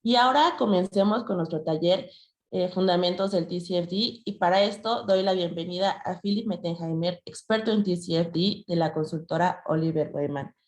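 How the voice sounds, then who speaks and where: A woman's voice: on the low side, normal speed. A woman hosting a workshop, formally introducing and thanking the speakers as moderator. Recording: echoey room sound.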